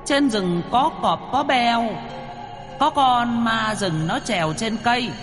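A man voicing a shrill, vicious demon boy spirit in a spoken horror story, chanting in a high singsong. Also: lively intonation, slow pace, big-room sound, over music, heavily acted. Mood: eerie singsong. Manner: chanting, menacing.

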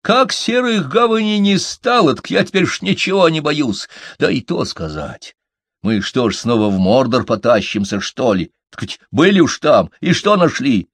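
A man's voice: fairly low pitch, very animated, moderate pace, husky, dry recording, voice pushed up, exaggerated voice. A man voicing a small, sarcastic male dwarf who scoffs and trades folksy sayings. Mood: scoffing.

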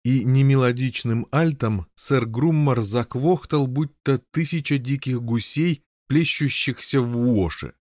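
A man narrates a storybook in a wry, measured way. His voice sits in a middle range and the recording is close and dry. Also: mid-range voice, darkish tone, dry recording. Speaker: audiobook narrator. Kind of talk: scripted narration.

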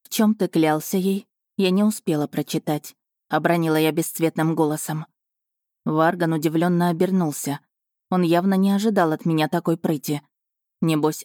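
A woman narrating a first-person audiobook in an expressive, lively storytelling manner. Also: on the low side, dry recording, studio quality.

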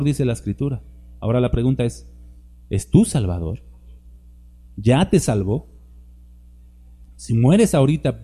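A man's voice: mid-range voice, warm tone, husky. A man preaching a conversational sermon, full of rhetorical questions and acted-out examples.

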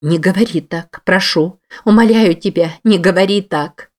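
A woman voicing a desperate young mother who shouts at her daughter and then begs her, read as an audiobook character. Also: on the low side, normal speed, close to an everyday voice. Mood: pleading.

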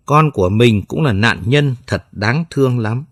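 A man's voice: mid-range voice, expressive, measured pace, no room sound, studio quality. A man voicing a tearful grieving mother. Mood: sorrowful. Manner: tearful, pleading, soft. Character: grieving mother, gentle but firm.

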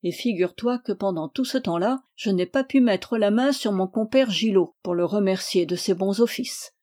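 A woman reading the part of a garrulous old male monk who keeps a monastery door, in a mellow, slightly raised voice. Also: medium pitch, moderate pace, close to an everyday voice. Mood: chatty.

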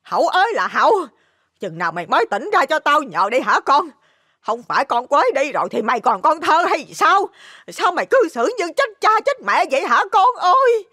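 A man voicing a scolding older woman who wails and shouts. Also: very high-pitched, very animated, fairly quick, no room sound, studio quality, pitched above the performer's own voice, full character voice. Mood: wailing. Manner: wailing, scolding. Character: scolding older woman, worn-out mother figure.

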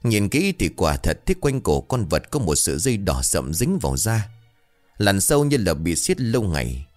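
A man's voice: low voice, big pitch swings, moderate pace, a little mellow, faint music behind. A man telling a horror story in a suspenseful, dramatic narration.

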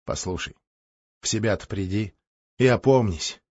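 Guy voicing a loud bragging count, laughy and husky, dry sound. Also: fairly low pitch, expressive, moderate pace, dry recording, highs cut off, voice pushed down. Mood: patient. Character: boisterous boastful male count, middle-aged. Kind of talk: audiobook character voice.

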